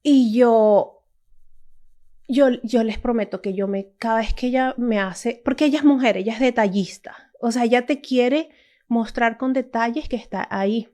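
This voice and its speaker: Woman from Latin America, personal testimony, emotional storytelling, slightly high voice, chatty with restarts. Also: normal speed, warm tone. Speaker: testimony speaker.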